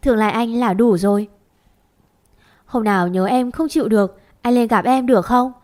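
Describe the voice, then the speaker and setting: A woman's voice: fairly high pitch, moderate pace, a little mellow, natural voice. A woman voicing an earnest young man pleading tenderly with his girlfriend.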